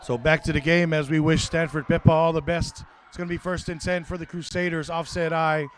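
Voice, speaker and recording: A man doing live play-by-play for a high school football broadcast, excitable and quick to correct himself mid-call. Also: a little hiss or hum. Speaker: play-by-play commentator.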